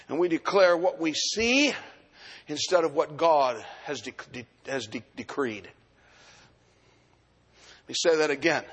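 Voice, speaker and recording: A pastor in his sixties delivers a live sermon in a slightly high voice with a breathy edge. He leans on rhythmic repeated phrases that swell into chanted shouting. Long hall reverb surrounds him, with faint music in the background.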